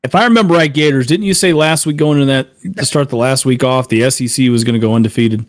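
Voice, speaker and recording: A man's voice: medium pitch, fast talker, dry recording, clean studio sound. A man co-hosting a live college football reaction show, reading out scores and viewer comments as he argues. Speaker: co-host.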